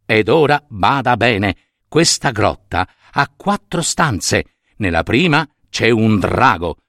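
A wise old grandmother figure in a spoken fairy tale, as a male storyteller puts her on. She talks slowly and soothingly, and her voice dips low when she gives her careful instructions. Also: big pitch swings, gravelly, fairly bright tone, dry recording, studio quality, heavily acted. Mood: gentle. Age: older. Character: kindly old woman, wise helper.

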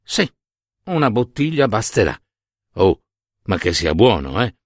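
A poor, contented shoemaker who fusses over his work and ponders simple pleasures, as a male narrator plays him. He talks low and unhurried in a homely storybook voice. The recording is close and dry. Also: big pitch swings, dry recording, exaggerated voice. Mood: homely, musing. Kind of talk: storybook reading.

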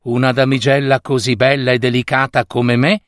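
A man's voice: medium pitch, flat delivery, normal speed, fairly bright tone, no echo, clean studio sound, natural voice. A man doing a vain, whiny young girl. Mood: complaining. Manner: whiny, self-pitying complaints.

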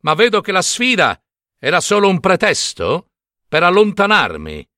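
Brief: earnest young storybook hero, bright and fairly high, read by a man. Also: wildly swooping pitch, moderate pace, no echo, studio quality, exaggerated voice. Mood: defiant.

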